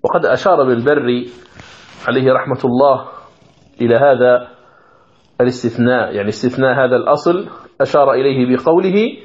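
A man's voice: medium pitch, fast, pauses often. A man teaching Quranic recitation from a textbook, explaining rules patiently step by step and repeating examples. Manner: asks the listeners questions, then answers them. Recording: dull lo-fi recording.

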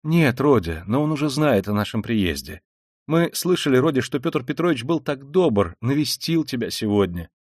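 A man's voice: medium pitch, moderate pace, no echo, close to an everyday voice. A man reading an audiobook voices an anxious middle-aged mother who pleads timidly and is close to tears.

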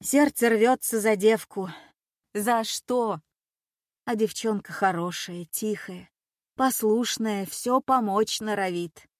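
A woman's voice: mid-range voice, slow pace, no room sound, clean studio sound, lightly acted. A woman reading a stern, bitter elderly grandmother in an audiobook, speaking bluntly and reproachfully. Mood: grieving. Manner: gruff, reproachful, plain-spoken. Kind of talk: audiobook character voice.

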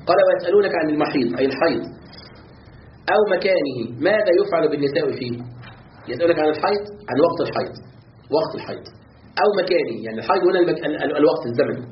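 A man, a sheikh, teaching a lesson on scripture commentary, reciting verses and asking his students questions he then answers himself. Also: on the high side. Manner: recites verses, repeats words to drill them. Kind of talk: classroom lesson explaining a text. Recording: dull, echoey room with faint hiss.

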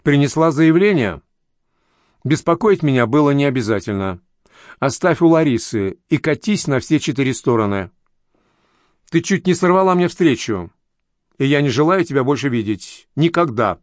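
A man reading an audiobook, voicing a harsh, overweight male boss who yells shrilly at an employee. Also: lively intonation, normal speed, no echo, studio quality, close to an everyday voice. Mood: angry. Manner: yelling, shrill when enraged. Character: harsh fat male boss, furious and cruel.

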